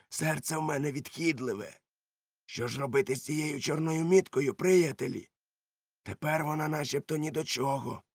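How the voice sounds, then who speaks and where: A man voicing a crafty one-legged pirate cook who leads the crew, switching between shouted threats and sly, soft mockery, in an audiobook reading. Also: on the high side, no echo, studio quality, voice pushed up. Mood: scornful.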